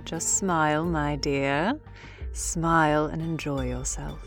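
A man's voice: a little high, steady tone, slow pace, a bit bright, soft background music. A man reading a story, voicing a gracious and scheming female empress with regal, polished speech. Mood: gentle, gracious.

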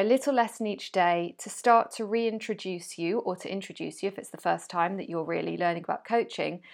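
A woman's voice: medium pitch, gravelly. A woman from Wales, a life coach hosting her podcast in a chatty, rambling way with frequent laughter. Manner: chatty and rambling, laughs often, self-deprecating. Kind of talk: casual solo podcast talk.

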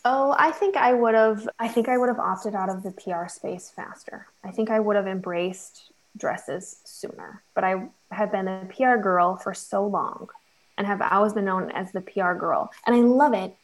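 A woman's voice: mid-range voice, normal speed, poor audio. A woman in her forties, a fashion entrepreneur, chatting candidly and self-deprecatingly as an interview guest. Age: 40s.

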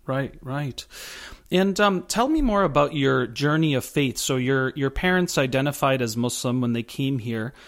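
A man's voice: medium pitch, expressive, moderate pace. A man hosting an interview show, asking long, earnest questions with many fillers. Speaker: host.

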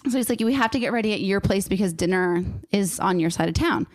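A woman's voice: mid-range voice, fast, a little mellow, no echo, clean studio sound. A woman in her thirties chatting casually, rambling and emotional, with "like" in every sentence. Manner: rambling, says "like" constantly, emotional. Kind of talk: casual chat.

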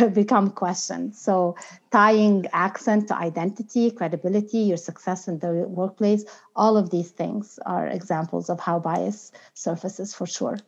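A woman speaking as an interview guest, reflective and earnest, with emphatic, deliberate phrasing. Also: lowish voice, steady tone, dull audio. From outside the United States. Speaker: podcast guest, inclusion and diversity consultant.

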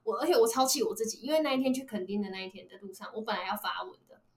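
A young adult woman, hosting a casual podcast chat and telling a story, acting out what people said. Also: a little high. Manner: fast animated storytelling, acting out quotes. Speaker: podcast host.

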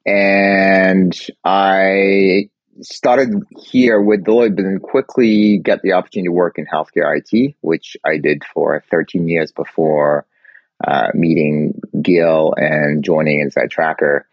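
Male CEO from Switzerland, very deep voice, brisk and dry, on dull remote audio. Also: flat delivery, no echo. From Switzerland and France. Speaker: company CEO. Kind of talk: interview guest.

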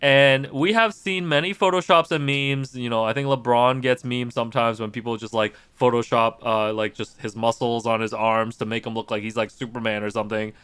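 A man co-hosting a sports podcast in casual chat, telling stories with animated amusement. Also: mid-range voice, brisk, hardly any pauses, clear, resonant tone, dry recording. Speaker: podcast co-host. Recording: dry studio sound with faint music.

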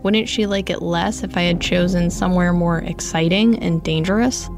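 Woman narrating with a gravelly edge. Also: lowish voice, fairly even intonation, normal speed, over music. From United States. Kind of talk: first-person memoir narration.

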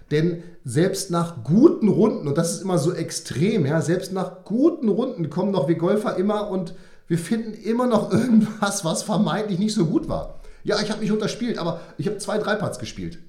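Lively man coaching golfers in a roomy space. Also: a little high. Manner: lively, fillers, frequent "ja?" checks. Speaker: golf mental coach. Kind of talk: podcast monologue.

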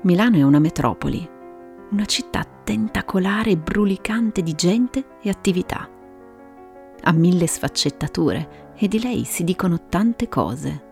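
A woman hosting and narrating a scripted story in a measured way, with dramatic pauses. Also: lowish voice, lively intonation, gravelly, a little mellow. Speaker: host and narrator of a storytelling show. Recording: music behind the voice.

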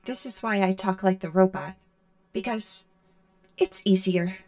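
A woman's voice: mid-range voice, fairly even intonation, unhurried, a little mellow, no room sound, clean studio sound, lightly acted. A woman voicing a literal-minded female android who halts and stutters, stuck on yes-or-no answers. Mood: plain.

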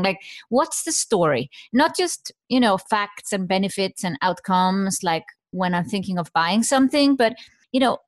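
A woman from Iceland hosting a podcast, coaching her guest with lively questions and examples. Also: medium pitch. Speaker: podcast host and business coach.

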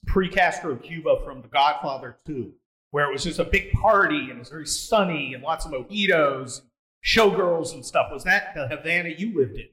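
Blunt, bright-voiced male podcast host. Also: a little high, moderate pace, poor audio. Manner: blunt, provocative, rambling with restarts. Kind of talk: casual interview chat.

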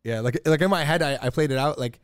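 A man's voice: fairly high pitch, quick pace, no room sound, studio quality. A man in his thirties co-hosting a podcast, rambling and leaning heavily on filler words. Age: 30s. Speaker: podcast co-host. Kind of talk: casual chat.

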